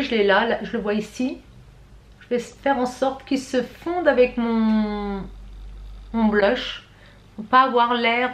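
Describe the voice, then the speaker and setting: A middle-aged woman from France, chatting her way through a makeup tutorial, talking straight to her viewers and often correcting herself. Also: a little high. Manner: chatty, self-correcting, addresses viewers directly. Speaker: beauty vlogger.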